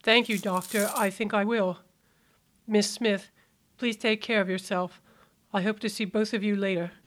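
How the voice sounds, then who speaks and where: A woman's voice: medium pitch, fairly even intonation, normal speed, natural voice. Lady doing a loyal army sergeant bloke, blunt n dutiful, audio story, bit of noise. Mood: polite, caring.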